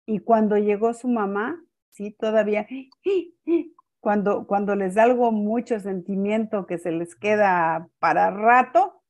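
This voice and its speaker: Older woman, family-class teacher; slow, deliberate delivery with repeats and frequent check-ins. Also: mid-range voice, darkish tone. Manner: unhurried, repeats words, checks in with "¿sí?". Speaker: family-school speaker. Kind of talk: teaching talk with personal stories.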